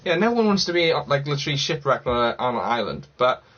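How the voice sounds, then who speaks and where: A man's voice: mid-range voice, big pitch swings, fast, fairly bright tone. A man from Cardiff hosting a casual livestream, chatting and rambling as he answers viewer comments. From Cardiff, Wales. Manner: chatty and rambling, thinks aloud. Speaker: livestream host. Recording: slightly dull lo-fi sound.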